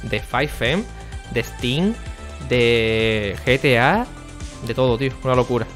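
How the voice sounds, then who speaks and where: A young man, chatting casually on a stream and talking to his viewers by name, often keeping his voice low for the neighbours. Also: takes it slowly, faint music behind. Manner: speaking quietly for the neighbours.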